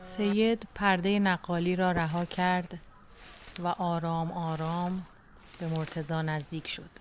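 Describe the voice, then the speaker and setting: A woman narrating a literary story in a measured, recited way. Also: lowish voice, flat delivery, soft background music.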